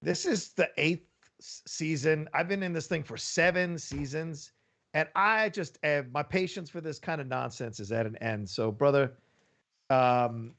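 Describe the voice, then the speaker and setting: A man leaving a voice message on a phone, speaking haltingly and earnestly with many restarts. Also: fairly high pitch, a bit bright.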